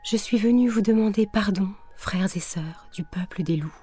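A woman voicing a brave but timid little girl in a storybook reading, soft and hesitant. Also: mid-range voice, slow pace, husky, faint music behind, pitched above the performer's own voice. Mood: pleading.

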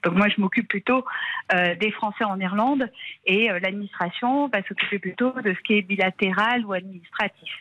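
A woman calling a radio show, chatting warmly with plenty of small hesitations. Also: medium pitch, a little fast, highs cut off. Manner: chatty, friendly, laughs easily. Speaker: radio caller. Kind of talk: phone-in chat. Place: at home in Dublin.

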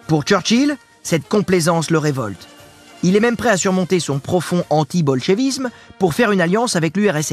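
Guy with a slightly high voice telling history, chatty little asides to you, quiet music behind. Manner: chatty, addresses the listener directly. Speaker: history narrator. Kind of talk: scripted history narration with casual asides.

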